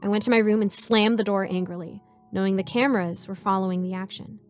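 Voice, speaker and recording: A woman narrating a first-person horror story in a measured, suspenseful way. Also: medium pitch, steady tone, faint music behind.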